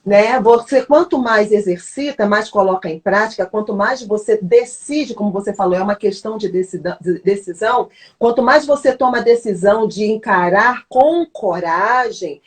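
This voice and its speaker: A woman's voice: mid-range voice, normal speed, few pauses. A woman pastor with a Brazilian Portuguese accent, hosting a faith-based live chat and teaching in a reflective way. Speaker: pastor, host.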